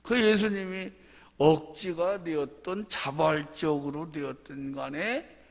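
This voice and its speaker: A male pastor preaching a dawn sermon slowly and emphatically, repeating his points and acting out the story. His voice is fairly high and gravelly, and the long reverb of a church sanctuary trails behind it. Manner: emphatic, repetitive, dramatic storytelling.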